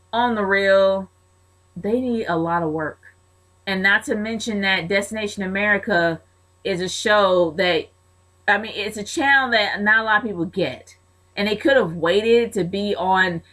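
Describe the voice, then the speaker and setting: A woman's voice: mid-range voice, pushed and bright. Frank, chatty woman vlogger. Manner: frank and chatty, blunt opinions. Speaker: wrestling vlogger answering viewer questions. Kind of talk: casual Q&A commentary.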